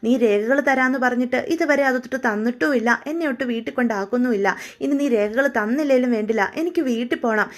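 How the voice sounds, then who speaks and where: Narrator lady as a scared young woman, insistent, kinda high voice. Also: quick pace, hardly any pauses, natural voice. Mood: anxious, insistent. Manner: worried, insistent. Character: young woman held captive, anxious and insistent.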